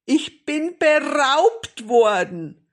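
A woman's voice: high voice, sing-song, drawn-out words, voice pushed up, exaggerated voice. Woman doing a shaken, dramatic old grandmother. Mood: distraught.

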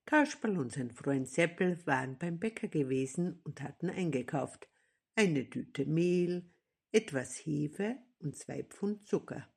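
Slow, husky woman storyteller. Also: low voice, expressive, darkish tone. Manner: slow, deliberate. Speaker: narrator. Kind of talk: storybook reading aloud.

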